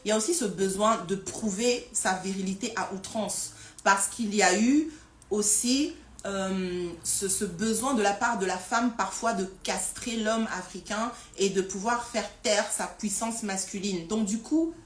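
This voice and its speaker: A woman's voice: medium pitch, measured pace. Hesitant woman hosting a live stream. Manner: hesitant, many repeated words and fillers. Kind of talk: casual live stream talk. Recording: roomy echo with faint noise.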